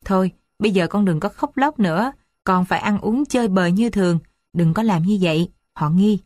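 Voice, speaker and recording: A woman voicing a worried mother who gently coaxes and soothes her daughter, in a dry storybook reading. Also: medium pitch, fairly quick, no room sound, lightly acted. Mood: coaxing. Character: worried, tender older mother of the house.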